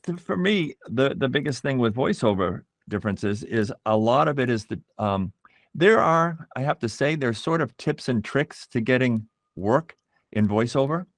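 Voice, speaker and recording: Interviewed as a voice actor, a middle-aged man explains things reflectively and at a measured pace, pausing to find his words. His medium-pitched voice is expressive, captured in a dry, studio-quality recording.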